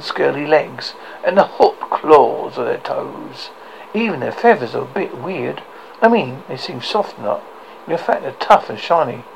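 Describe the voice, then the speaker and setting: Brief: story narrator, gravelly and very varied in pitch, stumbling read, faintly noisy amateur recording. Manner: halting, often stumbles and repeats words. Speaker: storyteller reading a short story aloud.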